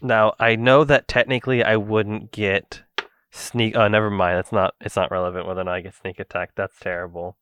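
A man at a tabletop game talks through his plans aloud, rambling and filling gaps as he goes. His voice sits low, and it is recorded close and dry. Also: level tone, fairly quick, fairly bright tone, clean tone, dry recording. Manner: rambling, thinks aloud with many fillers. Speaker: player. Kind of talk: casual tabletop game chat.

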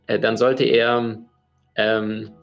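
A man who works as a personal coach, telling an anecdote in a lively way and acting out the people in it. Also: on the low side, very slow, creaky, dull audio, faint music behind. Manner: lively storyteller who acts out the people he quotes. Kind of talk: anecdotal storytelling.

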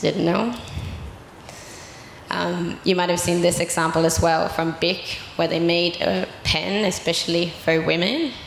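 A woman lecturing in a measured, explanatory manner in an echoey room. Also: lowish voice, steady tone, gravelly, slight background noise. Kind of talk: presentation talk.

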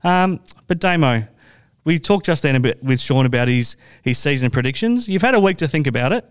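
A man's voice: fairly high pitch, expressive, fairly quick, smooth. A man hosting a basketball talk show in a casual, upbeat chat. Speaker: basketball podcast host.

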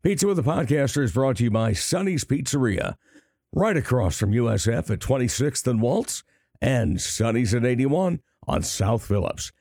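Raspy, gravelly older man hosting a podcast. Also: medium pitch, big pitch swings, moderate pace, darkish tone, dry recording, clean studio sound. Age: 60s. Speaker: podcast host. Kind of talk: conversational arts podcast hosting.

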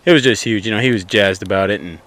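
A man's voice: fairly low pitch, fast talker, a bit bright. A young man casually telling stories as a podcast guest, recorded outdoors by a campfire. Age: young adult. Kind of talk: casual storytelling.

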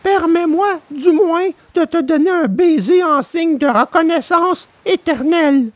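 A woman voicing an earnest, polite young wooden puppet boy in a storybook reading, speaking in a high, tender voice. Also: measured pace.

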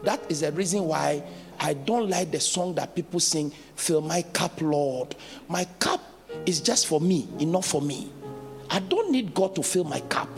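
Gravelly high-voiced bishop preaching. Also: male voice, big pitch swings, normal speed. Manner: storytelling with laughs and call-outs to the congregation. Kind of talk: sermon. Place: large church hall. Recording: long church reverb, faint music.

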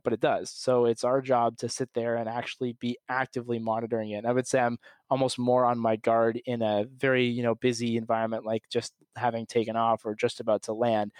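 A young man, an airline pilot, calmly and methodically explaining his work in an interview. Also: mid-range voice, dry recording. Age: young adult. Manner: calm, methodical, plain explaining. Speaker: commercial airline pilot, podcast guest.

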